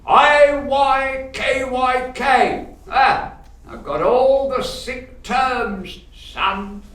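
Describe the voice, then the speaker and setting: An actor playing a curmudgeonly, miserly older uncle, Scrooge, in a radio play, with a theatrical, drawn-out grumpy delivery. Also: male voice, very high-pitched, fairly bright tone, full character voice. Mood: smug. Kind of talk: golden-age radio play acting. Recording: echoey room, distant mic, faint noise.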